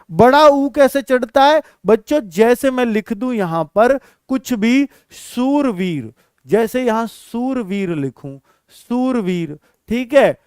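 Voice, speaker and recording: Animated man teaching grammar to students. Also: sits high, clean tone, no echo, studio quality. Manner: animated, calls students "beta" and "bachcho", poses questions and answers them. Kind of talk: classroom lesson addressing students.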